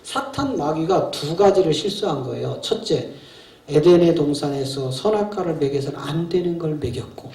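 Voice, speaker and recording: A man acting as a pastor preaches at a seminar, speaking colloquially and emphatically and often posing rhetorical questions to his audience. His voice is on the high side, expressive and dark in tone at a moderate pace, recorded from far off in an echoey hall.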